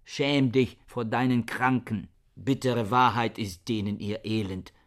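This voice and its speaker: In a German radio drama, an actor plays a bitter, misanthropic scholar, a scornful older brother who lectures harshly and accuses with contempt. His mid-range voice holds a steady tone at a measured pace, and the acting is fairly light.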